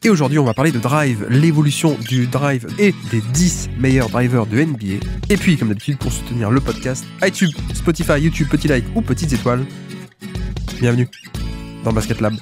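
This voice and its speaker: A man hosting a casual podcast, sounding congested and a little gravelly from a cold. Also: medium pitch, brisk, hardly any pauses, music in the background. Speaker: podcast host.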